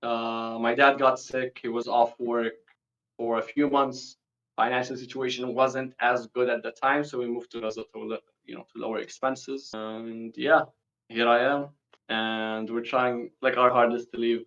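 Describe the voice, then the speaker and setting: A man's voice: mid-range voice, little pitch movement, a bit bright. Young man talking casually on a lo-fi call. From born and raised in the UAE, Palestinian. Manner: casual, slangy, quick bursts. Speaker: guest speaking from Gaza. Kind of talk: casual video call interview.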